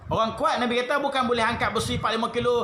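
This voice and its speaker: Malaysian male religious teacher, high, bright voice, lively joking lecture, echoey prayer room. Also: very fast, a little hiss or hum. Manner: lively, jokey, reads greetings from viewers. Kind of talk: online evening religious lecture.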